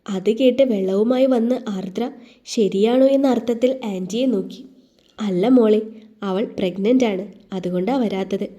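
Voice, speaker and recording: A woman tells a romantic story in a soft, mellow voice that sits a little high. She reads narration and dialogue alike in a gentle, steady way.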